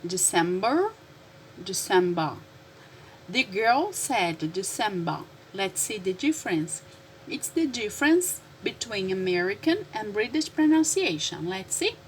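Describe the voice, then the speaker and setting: A woman teacher with a Brazilian Portuguese accent, a native Portuguese speaker, explaining English words slowly and repeating them for her learners. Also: medium pitch, sing-song, slight background noise, low-quality recording. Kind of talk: classroom lesson explaining vocabulary.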